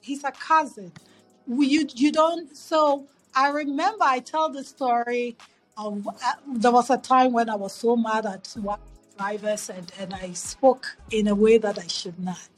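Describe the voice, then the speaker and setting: A middle-aged woman from Ghana speaks as an interview guest over a remote call. Her voice sits somewhat high, and she tells her story in an earnest, reflective way, often restarting her sentences. Faint music plays underneath. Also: steady tone, measured pace, poor audio. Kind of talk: conversational storytelling.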